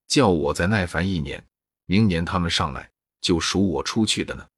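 A man's voice: low-pitched, animated, normal speed, breathy edge, no echo, studio quality. A man reading as a wry young maid. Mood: reproachful. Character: young maid, gentle but sharp-tongued.

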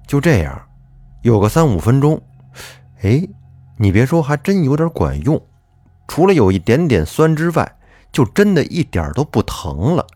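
A man hosting a storytelling podcast, narrating a listener's strange childhood tale in an expressive, dramatic way. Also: mid-range voice, moderate pace, no room sound, soft background music.

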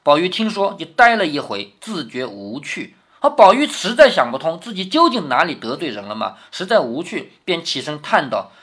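Guy retelling an old novel for kids, chatty, keeps asking right?, pitch moves around a lot. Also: sing-song, normal speed, few pauses, a bit bright, breathy edge. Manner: explains as he goes, tag questions to the listener. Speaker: storyteller retelling a classic novel. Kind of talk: casual storytelling for children.

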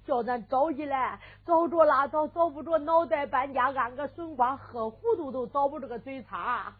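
A woman's voice: high voice, moderate pace, close to an everyday voice. A woman with a Henan accent voicing a timid, whining male inn servant who stammers and mumbles. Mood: grumbling. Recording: phone-like lo-fi with faint music.

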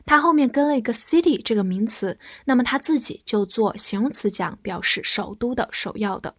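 A woman whose first language is Chinese, teaching English vocabulary, patiently spelling words letter by letter and leading slow read-alongs. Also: a little high, expressive, breathy edge, no room sound, clean studio sound.

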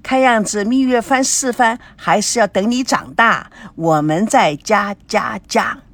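A woman voicing a glib, teasing young man with a smooth-talking, playful manner. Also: mid-range voice, measured pace, a bit bright, lightly acted.

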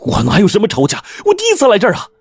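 A frantic young translator, furious and desperate, his voice leaping up in shouted bursts, as a man puts him on. The sound is dry and close, with faint music underneath. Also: sits high, huge pitch swings, very fast, creaky, husky, dry recording, voice pushed up, exaggerated voice.

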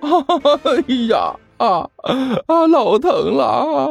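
Guy doing a whiny chubby schoolboy, high and yelpy, stammering and groaning a lot. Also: very animated, moderate pace, a little mellow, breathy edge, soft background music. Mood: wailing in pain.

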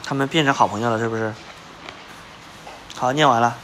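A man reading a picture book aloud to a child, pausing to ask the listener questions. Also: mid-range voice, background noise.

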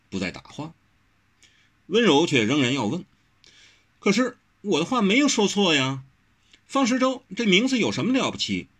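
A man narrating a martial-arts novel as an audiobook in an expressive, storytelling manner. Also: lowish voice, breathy edge.

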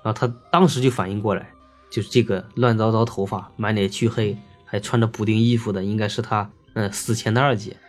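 A man's voice: fairly low pitch, brisk, faint music behind. A man telling a ghost story in a chatty, casual way, full of fillers. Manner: chatty, filler-heavy, lively.

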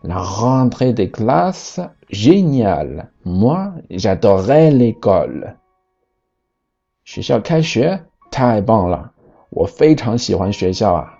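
A man voicing a kindly grown female lioness in a storybook, speaking in a gentle, reassuring way. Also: lowish voice, big pitch swings, takes it slowly, vocal fry, slightly rough, muffled recording, soft background music, heavily acted.

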